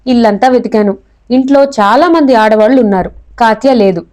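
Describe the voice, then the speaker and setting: A defensive police inspector reporting back to a detective, as a woman narrator voices him in a raised, slightly louder storybook voice. The tone stays mellow and warm. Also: on the high side, fairly quick, natural voice.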